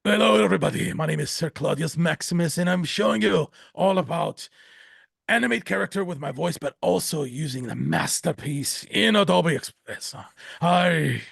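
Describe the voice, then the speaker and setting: A stoic gentleman pirate, as a man puts him on. He declares himself in a raised, theatrical, announcing voice set noticeably higher than everyday talk. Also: lively intonation, normal speed, gravelly, husky, dry recording, studio quality, exaggerated voice. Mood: showy.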